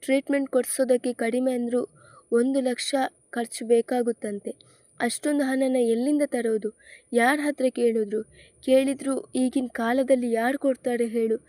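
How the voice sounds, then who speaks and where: A woman's voice: fairly high pitch, steady tone, normal speed, warm tone, no echo, close to an everyday voice. A woman voicing a struggling young saleswoman, anxious and tearful. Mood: distressed. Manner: distressed, tearful.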